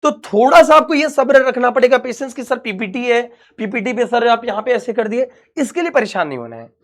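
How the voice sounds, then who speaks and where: A man's voice: very high voice, lively intonation, a little fast, fairly bright tone. A young man, teaching an online physics class in a chatty, reassuring way and calling the students his dear children.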